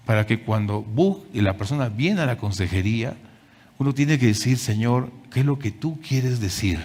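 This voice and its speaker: Low-voiced pastor preaching emphatically. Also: male voice, darkish tone. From Peru. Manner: emphatic preaching with repeated phrases and direct address to the congregation; deliberate delivery with climbing emphasis in lists. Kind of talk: sermon.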